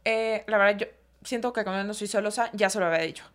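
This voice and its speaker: A woman with a Mexican accent hosting a casual chat, asking lively questions. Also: mid-range voice, fast talker. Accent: Mexican Spanish.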